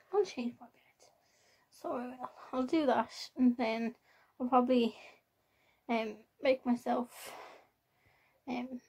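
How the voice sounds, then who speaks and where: Young woman, Irish accent, fairly high voice, husky, casual rambling vlog chat, repeats herself. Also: dark tone, muffled recording. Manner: halting, repeats herself, tags sentences with "so I am". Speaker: vlogger. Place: at home, in a room.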